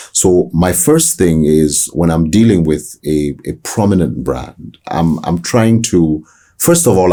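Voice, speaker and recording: A deep-voiced male voice-over artist answers interview questions reflectively, often restarting his sentences. His tone is warm, marked by hesitant restarts and slow emphasis.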